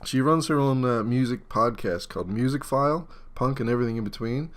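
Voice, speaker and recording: A man's voice: medium pitch, a little fast. A young man co-hosting a casual podcast, talking in a rambling, hesitant way full of fillers. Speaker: podcast co-host.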